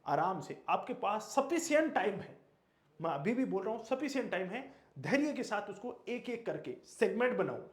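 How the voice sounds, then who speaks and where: A male exam coach, speaking high and with a lively, swooping delivery. He hammers his points home by repeating key words and answering his own questions. The room around him rings with echo. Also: moderate pace. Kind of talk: motivational exam lecture.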